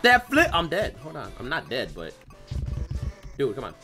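A man doing let's play commentary, excitable and yelling at the game. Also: medium pitch, normal speed, soft background music. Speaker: gamer.

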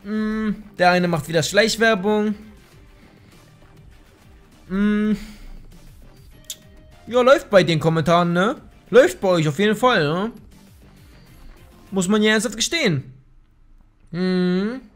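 A young man giving live commentary over his shooter gameplay, excitable and slangy, often swearing in annoyance. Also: high-pitched, takes it slowly, pauses often, soft background music. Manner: slangy, says "Alter" a lot. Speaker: let's play gamer. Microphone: gaming microphone.

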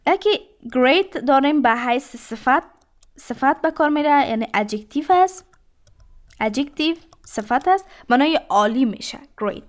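A woman teaching an English lesson, reading English phrases slowly and then explaining each one. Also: sits high, expressive. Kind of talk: language lesson.

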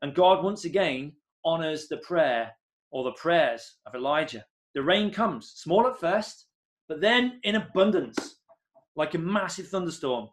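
A man in his thirties preaching an earnest sermon from a room at home into a webcam, rising to excited emphasis on key points. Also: on the high side, a little slow.

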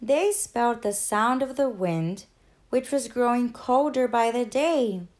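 A woman teacher reading a children's picture book aloud in an expressive, gentle storytelling manner. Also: fairly high pitch, a little slow.

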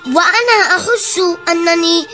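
A narrator voicing a proud, grumpy male pencil in an animated story for children. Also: extremely high pitch, normal speed, faint music behind, voice pushed up. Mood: softened.

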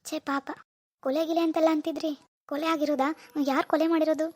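A woman voicing a caring young man who comforts his grieving wife in an animated village drama. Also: high-pitched, fast talker, pitched below the performer's own voice, lightly acted. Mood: soothing. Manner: soothing, protective.

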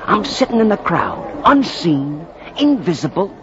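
Old menacing Brooklyn ball fan, highish and wildly swooping, theatrical, vintage radio play with faint hiss. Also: male voice, big pitch swings, heavily acted. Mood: eerie, boastful. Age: older. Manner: theatrical, drawn-out, streetwise bluster. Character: Sammy the Whammy, ancient menacing Brooklyn baseball fanatic, male. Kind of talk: 1940s radio acting in rhymed verse. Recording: muffled, hissy 1940s radio recording.

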